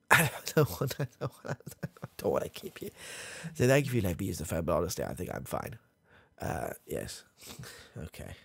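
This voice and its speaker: A young man with a British accent puts on a full character voice as a muddled, proud old grandad baffled by technology in a close-miked comedy ASMR roleplay, rambling and hesitant, full of fillers and restarts. The voice is low and gravelly with a breathy edge, its pitch swooping wildly at a fairly quick pace. He's in a small, dim room with coloured lights, face near the camera, and the recording is dry.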